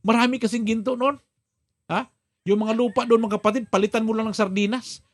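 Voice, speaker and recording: High-voiced Filipino pastor telling a parable. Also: male voice, steady tone, fairly quick. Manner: dramatic storyteller, acts out characters' lines; addresses congregation as "mga kapatid". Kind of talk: sermon storytelling.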